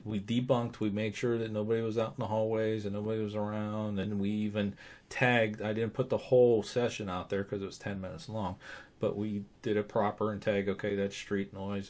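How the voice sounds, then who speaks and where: A man co-hosting a paranormal vlog in casual conversation, stretching words for emphasis in a halting way. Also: lowish voice, a little mellow. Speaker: paranormal show co-host. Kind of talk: casual two-host vlog discussion.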